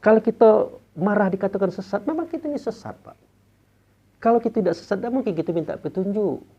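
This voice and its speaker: A male Islamic preacher delivers a sermon to a study gathering. He talks rhetorically, keeps addressing his listeners as sir, and swings between loud, emphatic lines and quiet, trailing ones. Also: sits high, lively intonation, quick pace, breathy edge. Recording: dull lo-fi recording.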